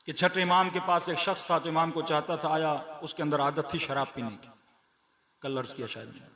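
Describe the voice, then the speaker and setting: Pakistani urdu preacher guy, high voice, sermon in a big echoey hall with a crowd, rhetorical questions. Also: steady tone, fairly quick. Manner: declamatory, rhetorical questions, rhythmic repeated lists. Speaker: Shia preacher. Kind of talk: majlis sermon to a congregation. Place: large prayer hall with a gathered audience.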